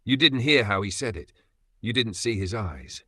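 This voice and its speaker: A man's voice: on the low side, expressive, moderate pace, bright, forceful tone, no room sound. A man voicing a heartbroken young wife who begs her husband through tears. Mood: pleading. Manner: tearful, begging.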